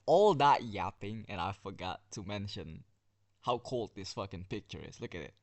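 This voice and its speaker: A man's voice: sits low, moderate pace, no room sound. A man giving casual commentary on game skins, rambling with many restarts and running out of breath, recorded on a built-in device mic under a blanket. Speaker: video game skin reviewer. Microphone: built-in device mic without headset.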